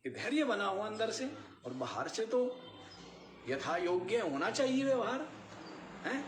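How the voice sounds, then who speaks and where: A man's voice: high-pitched, big pitch swings, unhurried. A man giving a spiritual discourse as a swami, often quizzing his listeners with short questions. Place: ashram hall. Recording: echoey room, faint hiss.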